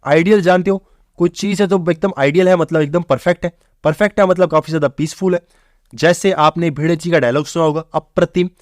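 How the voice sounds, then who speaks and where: This exam-prep English vocabulary lesson features a man with a slightly high voice, recorded in studio quality without room sound. Switching between fast classroom Hindi and English terms, he offers memory aids, quizzes the viewer, and frequently says "theek hai bhai."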